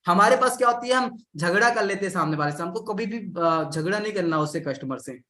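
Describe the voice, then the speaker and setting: A man leads a live sales training, acting out customer and seller lines as he talks straight to his audience. His voice sits high and sounds bright and sharp. The room around him is echoey. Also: a little fast. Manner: animated, acts out customer and seller lines, addresses audience directly.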